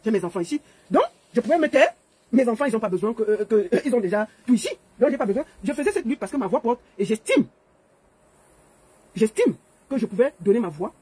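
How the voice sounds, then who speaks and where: A woman's voice: a little high, very animated, fast, warm tone, slightly rough. A woman giving an emphatic, repetitive political monologue to viewers. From Cameroon. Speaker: political commentator. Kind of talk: monologue to camera.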